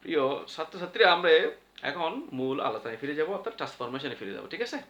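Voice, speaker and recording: This male English teacher, speaking with a Bangladeshi Bengali accent, runs a grammar lesson at a board, patiently repeating rules and answering questions he raises himself. He talks rapid-fire in a slightly high, sharp voice with big pitch swings. The echoey room gives a dull, lo-fi sound.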